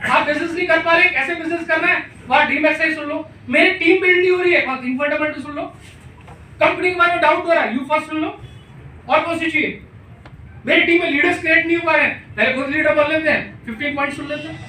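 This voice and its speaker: A man's voice: extremely high pitch, steady tone, fast, bright, forceful tone. A middle-aged man giving an emphatic motivational talk to a business team in a meeting room, repeating points and asking rhetorical questions. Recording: echoey room, mic far off, faint noise.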